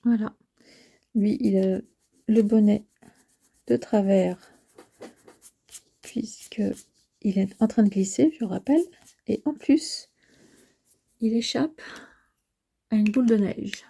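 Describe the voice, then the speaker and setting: A woman's voice: mid-range voice, slow pace, gravelly, pauses often, warm tone, husky. A woman, casually narrating her journaling craft work step by step, musing and hesitant with many filler sounds. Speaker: crafting vlogger.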